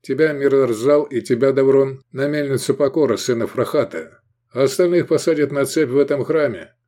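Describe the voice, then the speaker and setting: A man's voice: medium pitch, moderate pace, warm tone, voice pushed up, close to an everyday voice. A man voicing a stern scarred male fighter who announces a sentence coldly. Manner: cold, matter-of-fact. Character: cold scarred male warrior-doctor, flat and stern.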